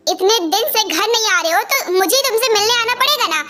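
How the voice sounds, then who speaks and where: A woman's voice: very high-pitched, lively intonation, brisk, heavy background noise. A woman dubbing a strict, scolding middle-aged mother in an amateur fan dub. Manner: sharp, scolding, bossy.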